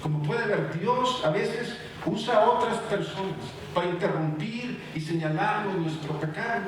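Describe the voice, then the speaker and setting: A man preaches a sermon in a fairly high voice. He swings from fiery, raised lines to sudden hushed ones, leaning on each word for emphasis. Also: measured pace, noisy background. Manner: impassioned preaching with sudden drops to hushed tones. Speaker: pastor.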